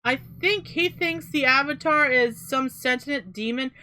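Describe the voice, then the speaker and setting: A woman's voice: sits high, a little slow, sharp tone. A young woman giving an emphatic reaction commentary, repeating her points and swearing now and then.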